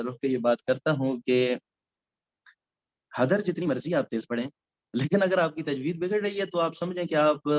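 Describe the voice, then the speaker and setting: A man's voice: mid-range voice, a little mellow, highs cut off. A male recitation teacher giving a recorded lecture, explaining step by step with frequent hesitation sounds.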